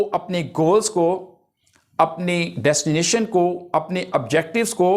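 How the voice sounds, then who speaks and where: A middle-aged man teaching English figures of speech, reading example words and sentences slowly and deliberately. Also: high-pitched. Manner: slow, deliberate, reads English examples word by word. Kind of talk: classroom lecture.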